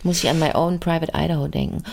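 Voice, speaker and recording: Woman on a podcast, lowish voice, joking around and chiming in a lot. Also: gravelly, a little mellow. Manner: joking, chatty, quick interjections. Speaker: podcast co-host. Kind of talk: casual chat.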